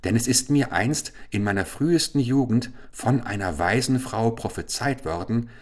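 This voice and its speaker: A man's voice: medium pitch, moderate pace, darkish tone, pitched above the performer's own voice, natural voice. A lonely enchanted owl princess, female and sorrowful, her voice lifted well above the reader's own as a man puts her on. She pleads in a plaintive way, a figure from a storybook reading.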